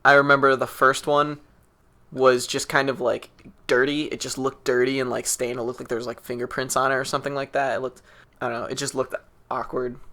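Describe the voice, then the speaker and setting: A man's voice: mid-range voice, little pitch movement, fairly quick, pushed and bright. A man co-hosting a podcast, chatting casually and enthusiastically with plenty of fillers. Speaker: podcast co-host. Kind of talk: casual chat.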